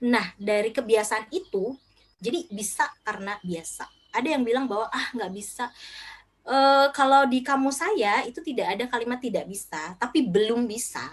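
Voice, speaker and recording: A middle-aged woman giving a short parenting talk as a speaker, lively, acting out what parents and children say. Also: fairly high pitch, normal speed. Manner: lively, acts out quoted child and parent lines.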